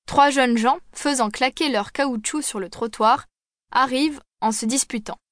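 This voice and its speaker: A woman narrating a classic short story as an audiobook, with a measured, steady reading. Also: high voice, no echo. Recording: dry, close studio sound.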